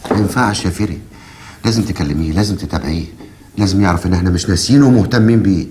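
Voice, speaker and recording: An actor playing a middle-aged Egyptian husband who talks in an earnest, insistent way. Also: male voice, deep voice, racing, a little mellow, lightly acted. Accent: Egyptian Arabic. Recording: noisy background.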